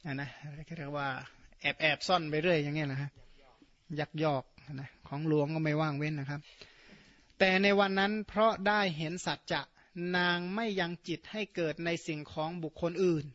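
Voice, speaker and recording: Monk giving a relaxed dharma talk. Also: male voice, on the high side, moderate pace, muffled recording. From Surin, Thailand. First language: Khmer. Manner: explains terms, adds colloquial asides and tag particles. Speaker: Buddhist monk. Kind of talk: dharma talk retelling scripture.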